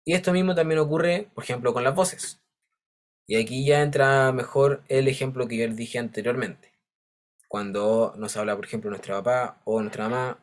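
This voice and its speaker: Man, teacher, patient step-by-step explaining, frequent check-ins. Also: medium pitch. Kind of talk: online class lecture.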